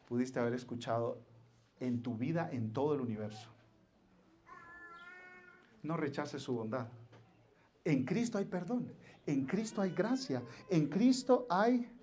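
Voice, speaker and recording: Pleading Mexican pastor, high-voiced man. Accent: Mexican Spanish. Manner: pleading, swings from hushed to forceful. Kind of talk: sermon. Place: church.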